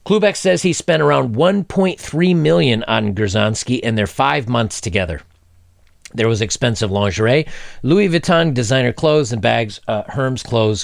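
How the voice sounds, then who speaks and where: A man's voice: mid-range voice, creaky, no room sound, clean studio sound. A man in his forties giving blunt, opinionated commentary while reading a news story aloud, with mocking asides. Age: 40s.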